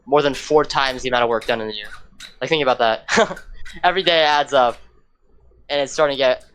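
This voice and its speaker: A man's voice: medium pitch, fairly bright tone, slight background noise. A teenage man on a podcast chatting casually, hyped up and slangy, saying bro and dude a lot. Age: teens. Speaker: podcast co-host.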